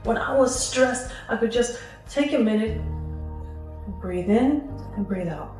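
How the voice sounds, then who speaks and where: A woman's voice: fairly high pitch, lively intonation, a little slow, darkish tone. Woman speaker in a big echoey hall. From Sweden. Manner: earnest, advice-giving, with acted-out inner voices. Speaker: guest speaker answering audience questions. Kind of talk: seminar Q&A talk. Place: seminar hall. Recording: echoey hall, far from the mic, faint music.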